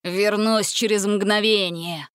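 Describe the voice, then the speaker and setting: A silly, theatrical vampire count who relishes tormenting his prisoners, put on by a woman reading a storybook. He talks with villainous glee and slow relish. The sound is dry and close. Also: medium pitch, steady tone, a bit bright, smooth, dry recording. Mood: giddy. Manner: gleeful, theatrical, villainous laugh. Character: Count Dracula, silly off-key singing vampire.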